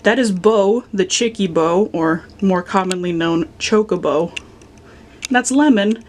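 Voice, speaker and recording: Slight background noise sits under a young Philadelphia woman's casual home tour of her indoor sewing room and office. Her mid-range voice is a little mellow and measured, and as a collector she's playful and affectionate, joking dryly about her toys.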